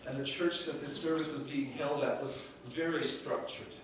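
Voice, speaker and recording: A man preaching a sermon in a church, moving from easy storytelling to loud, exclaiming praise with the odd laugh. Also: fairly high pitch, steady tone, normal speed, a little hiss or hum. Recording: echoey church room, voice from far off.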